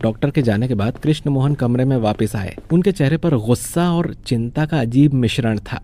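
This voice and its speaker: A man narrating a cartoon story in a calm, even storytelling manner. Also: mid-range voice, moderate pace.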